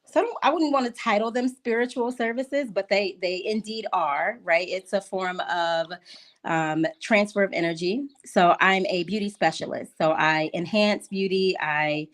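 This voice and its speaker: A woman guest on a podcast, explaining her work in a measured, thoughtful way. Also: mid-range voice. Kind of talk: casual podcast interview.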